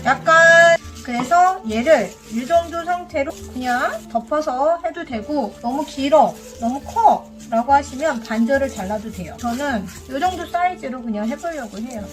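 A woman with a fairly high voice casually walks viewers through her cooking step by step. She is polite and chatty, speaking to them directly, with music clearly playing behind her. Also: animated, moderate pace, hardly any pauses. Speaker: cooking vlogger.

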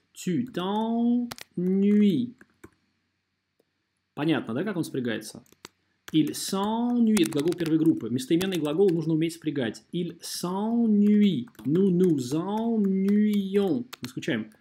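Over a screen recording, a French teacher gives a careful, didactic language lesson, modelling pronunciation by drawing out phrases syllable by syllable. His voice is high, expressive, and dark in tone, and he takes it slowly.

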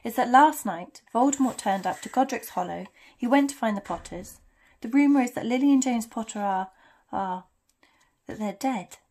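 A woman's voice: a little high, normal speed, darkish tone, slight background noise, lightly acted. A woman voicing a stern, proper witch professor from a storybook, clipped, emphatic and easily flustered. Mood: pressing, urgent. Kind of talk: storybook character reading.

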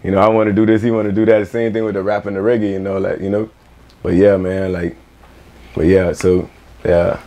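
A young Bahamian man talking in a casual interview in a small music studio, relaxed and loose, full of fillers and repeated words. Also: low voice, brisk. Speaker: guest, record label owner.

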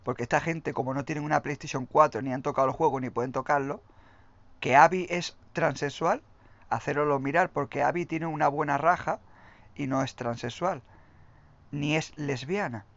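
A man's voice: on the high side, moderate pace, gravelly, fairly bright tone, no room sound, dull audio. A young man with a Spain Spanish accent, ranting as a gaming commentator in a profane, mocking and emphatic way. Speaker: gaming youtuber.

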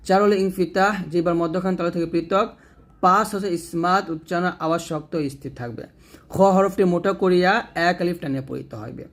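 Slow-speaking man teaching recitation. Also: sits high, a bit bright. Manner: slow, repetitive, demonstrates letter sounds; addresses viewers directly. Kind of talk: tajweed lesson.

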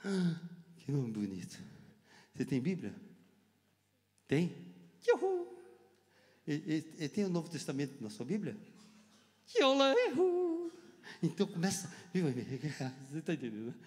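A man with a Brazilian Portuguese accent preaching a testimony to a live congregation, animated and joking with the audience, breaking into shouted exclamations. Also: mid-range voice, normal speed, pauses often. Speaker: guest preacher. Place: church hall with live audience. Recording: long hall reverb.

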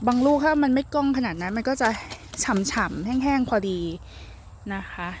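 A woman's voice: a little high, lively intonation, normal speed, a little hiss or hum. Chatty woman showing ripe watermelons outdoors. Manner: chatty, polite particles, taps and listens to fruit. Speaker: organic farm seller. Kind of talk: casual demonstration.

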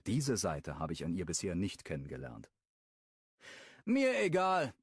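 A man narrating a romance audiobook in first person, telling the story in a lively way. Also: rumbling low, brisk, husky, dry recording, clean studio sound. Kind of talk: scripted narration.

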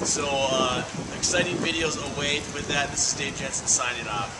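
A man's voice: mid-range voice, normal speed, over a noisy crowd, rough recording. A young man in his twenties hosting a road-trip vlog in a jokey mock-anchor style, filmed outdoors on a handheld camera. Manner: jokey, mock-formal sign-offs. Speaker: vlog host. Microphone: handheld camera mic. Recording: outdoor camera audio with wind noise.

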